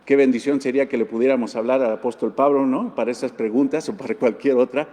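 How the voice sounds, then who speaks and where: A man's voice: mid-range voice, fairly even intonation, quick pace, mellow. A man preaching a sermon earnestly, repeating key points and addressing the congregation as brothers. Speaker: pastor. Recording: long hall reverb.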